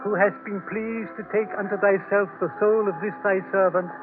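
An actor playing a humane, middle-aged naval captain who reads a burial at sea in a grave, measured way. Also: male voice, sits high, level tone, close to an everyday voice. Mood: solemn. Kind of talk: 1940s radio acting. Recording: tinny old radio broadcast with music.

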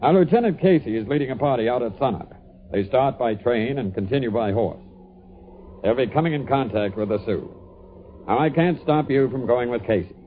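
Actor as stern army general, tinny old radio. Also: male voice, medium pitch, animated, fairly quick, slight background noise, lightly acted. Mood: stern, warning. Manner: blunt, commanding. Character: gruff, stern middle-aged army general. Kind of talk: old radio drama acting. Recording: phone-like, thin old radio recording.

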